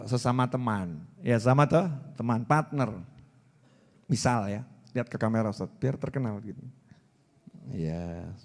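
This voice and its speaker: A man preaching a lively sermon, questioning the crowd and swinging between loud exclamations and quiet asides. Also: medium pitch. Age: 40s. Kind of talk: lively sermon with call-and-response. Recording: long hall reverb.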